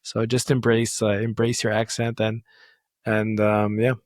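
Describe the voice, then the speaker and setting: A man from Bulgaria who lived in the US for years, a guest calmly giving career advice in a podcast interview. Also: fairly low pitch, measured pace, dry recording, studio quality. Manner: steady, even-toned, reassuring advice. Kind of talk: casual interview talk.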